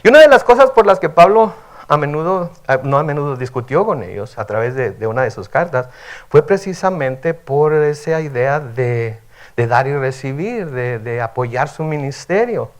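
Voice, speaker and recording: Man, pastor, conversational sermon, slightly high voice. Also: expressive, normal speed. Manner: conversational, frequent "¿verdad?" tags, reads scripture aloud and explains. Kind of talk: midweek sermon, Bible teaching.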